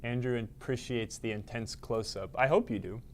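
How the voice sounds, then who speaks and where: A man of ordinary middle pitch chats loosely to his live-stream viewers. He talks partly to himself as he fusses with the camera setup and pokes fun at himself. A faint room hum sits behind him. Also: moderate pace. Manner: rambling, self-deprecating, talking to himself while adjusting the camera. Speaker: livestream host. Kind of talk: casual live-stream chat. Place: indoor studio space at a workplace.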